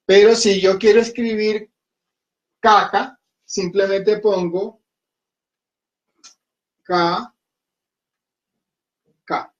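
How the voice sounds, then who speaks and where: A man's voice: high-pitched, steady tone, extremely slow, pauses often. A man teaching a class at a whiteboard, patiently repeating himself and often checking that his students follow. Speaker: Hindi teacher. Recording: dull lo-fi recording.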